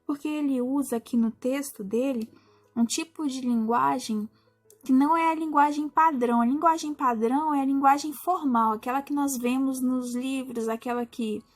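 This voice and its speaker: A Brazilian woman teacher explaining a lesson to primary school pupils in a patient way, often pausing and restarting. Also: sits high, steady tone, faint music behind. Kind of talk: recorded class explanation.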